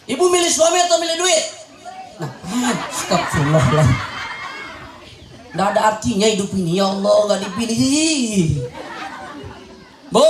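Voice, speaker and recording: A young male preacher giving a humorous sermon to a crowd of mothers, teasing them and shouting his punchlines. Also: high-pitched, slight background noise. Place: religious gathering with an audience. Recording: echoey event hall with crowd sound.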